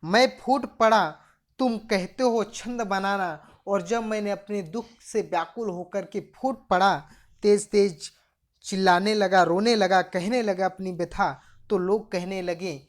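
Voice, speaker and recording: A woman's voice: mid-range voice, a little slow. Woman teacher explaining a poem. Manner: recites each verse, then paraphrases it line by line. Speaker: Hindi teacher. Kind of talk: explaining a poem for a class lesson.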